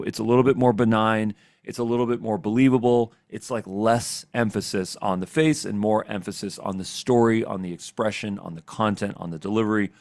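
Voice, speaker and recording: A man leading a live software training session, talking in an energetic, chatty, demonstrative way. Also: lowish voice, dry recording.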